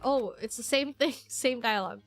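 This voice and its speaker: Playing a video game for the first time on stream, a woman with a stuffy, congested nose gives casual commentary at a moderate pace. Her fairly high voice carries vocal fry, and she reacts excitably, gasping and laughing often. Faint music plays in the background.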